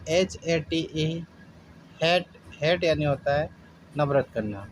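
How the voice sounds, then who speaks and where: A man's voice: a little high, expressive, a little hiss or hum, rough recording. Man spelling out English words. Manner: spells words letter by letter, then gives the Hindi meaning; slows down when spelling out words. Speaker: English teacher. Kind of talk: spoken English phonics lesson.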